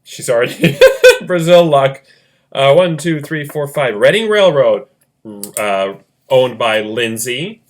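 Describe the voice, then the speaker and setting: A man's voice: mid-range voice, expressive, slow. A man hosting a fan-made game, calling rolls and moves in casual play-by-play narration with jokey asides. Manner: chatty, jokey asides, laughs often. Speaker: host running a fan game.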